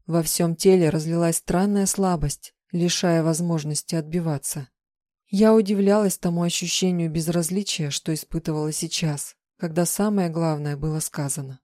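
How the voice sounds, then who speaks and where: A woman reading a first-person novel aloud as an audiobook narrator, in an even, emotive way. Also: lowish voice, moderate pace, no echo, studio quality.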